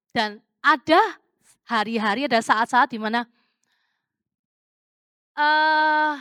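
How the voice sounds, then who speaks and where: A woman preacher with a somewhat high voice gives a relaxed, testimony-style sermon. She talks like she is chatting with friends, slips English words in, and keeps throwing rhetorical questions to the congregation. The sound is close and dry, with no room echo. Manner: chatty and conversational, with frequent fillers and English words mixed in.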